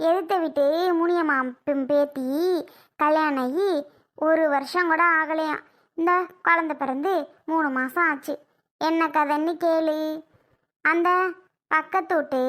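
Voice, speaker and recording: A woman playing a nagging older mother-in-law who scolds and laments in a drawn-out village way. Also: very high-pitched, fairly bright tone, exaggerated voice. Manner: scolding, lamenting drawl with village Tamil speech. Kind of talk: family drama skit.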